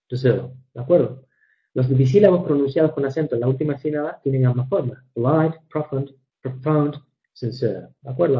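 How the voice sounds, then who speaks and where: A man teaching English grammar in a recorded lecture, measured and methodical, slowing down to read examples and correcting himself with fillers. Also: mid-range voice. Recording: dull lo-fi recording.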